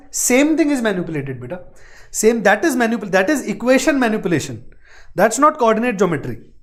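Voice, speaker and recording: Indian-accented woman teaching maths, checking in often. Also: fairly high pitch. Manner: repeats phrases, adds short check-in questions. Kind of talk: live online lesson, explaining step by step.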